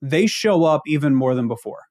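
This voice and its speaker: A man's voice: on the high side, lively intonation, normal speed, a little mellow. A man from the Ozarks with an Ozark accent, giving conversational leadership advice as a panel guest, emphatic and fond of rhetorical questions. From Ozarks, United States.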